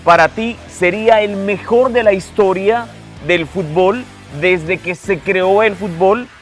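Guy hosting a podcast, pretty high voice, teasing and upbeat, light music behind. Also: takes it slowly. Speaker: podcast host reading fan questions. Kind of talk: casual podcast banter.

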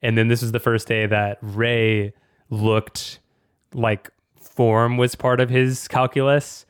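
Dude hosting a podcast, smooth clear voice, dry sound, chatty and casual. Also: male voice, medium pitch, little pitch movement, slow, no echo. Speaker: podcast host.

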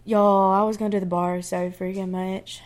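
Woman, twenties, Appalachian Tennessee accent, mid pitch, casual podcast chat, slangy and folksy. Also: flat delivery, normal speed. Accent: Southern US, Appalachian Tennessee. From Tennessee, United States. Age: 20s. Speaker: podcast co-host.

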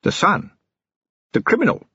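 A man's voice: moderate pace, pushed and bright, no echo, highs cut off, close to an everyday voice. A man playing a weary, sarcastic policeman in bed talking with his wife, in an audiobook. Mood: wry. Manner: dry, sarcastic. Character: weary, sardonic policeman husband.

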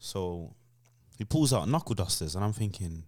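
A man's voice: low voice, lively intonation, normal speed, darkish tone. A man with a London roadman accent telling an anecdote in casual chat, full of street slang and checking tags.

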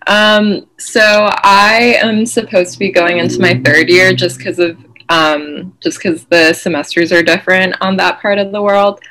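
A woman's voice: on the low side, fairly even intonation, unhurried, hardly any pauses, background noise. A young woman from Malaysia, a guest on a video-call panel, talking casually and hesitantly with many "um"s. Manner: hesitant, lots of "um" and "you know". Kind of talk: casual chat.

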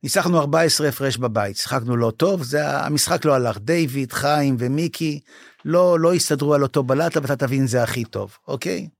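A man's voice: medium pitch, gravelly, no echo, clean studio sound. An older man, a former basketball club manager, telling stories in an interview, acting out quoted dialogue and getting moved as he goes. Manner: animated storyteller, acts out quoted dialogue; emotional, says he is moved. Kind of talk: storytelling in a podcast interview.

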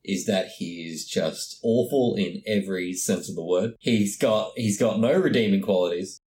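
A man's voice: low voice, normal speed, a little mellow. A man co-hosting a casual podcast chat, joking and rambling with self-mocking asides. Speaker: podcast co-host.

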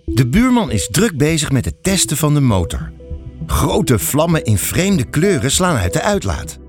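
A man narrating a children's audiobook fairy tale in an expressive storytelling manner. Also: fairly high pitch, unhurried, over music.

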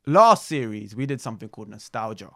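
A young man with a London roadman accent hosting a talk show in animated slangy chat, repeating phrases for emphasis. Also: medium pitch, fast, no room sound, clean studio sound. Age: young adult.

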